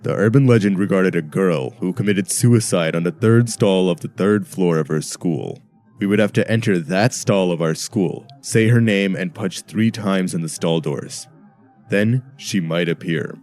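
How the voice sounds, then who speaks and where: A man narrating a first-person horror story in a steady storytelling manner. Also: low voice, a little slow. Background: soft background music.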